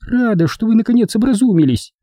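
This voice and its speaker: A man voicing a sharp-tongued, scornful woman with a piercing falsetto in an audiobook. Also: very animated, a little fast, no echo, studio quality, full character voice. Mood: sneering. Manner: contemptuous, snapping. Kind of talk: audiobook character voice.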